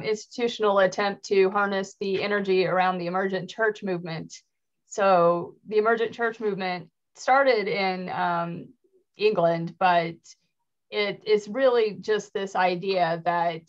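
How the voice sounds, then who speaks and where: Thoughtful woman on a lo-fi video call. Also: fairly low pitch. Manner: articulate, thoughtful, laughs easily. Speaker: guest, worshiping community leader. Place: room at home by a window. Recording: dull lo-fi call audio.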